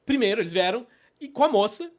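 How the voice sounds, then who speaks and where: A middle-aged man with a Brazilian Portuguese accent telling personal stories on his podcast, animated and full of fillers. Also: sits high, quick pace. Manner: animated, acts out quotes, many fillers like "né" and "tipo assim". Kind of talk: casual storytelling.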